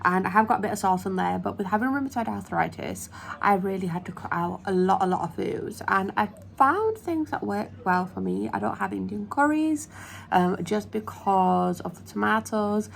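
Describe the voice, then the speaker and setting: Filming herself indoors on a phone at arm's length, a young British woman rambles casually with lots of ums. She talks at a moderate pace with lively intonation, vocal fry and a medium pitch. There's slight noise behind her, typical of a phone video.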